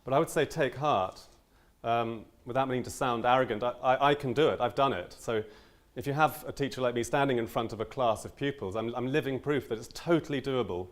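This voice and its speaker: A young man, a language teacher, giving an earnest, animated conference talk with frequent ums and restarts. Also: mid-range voice, brisk.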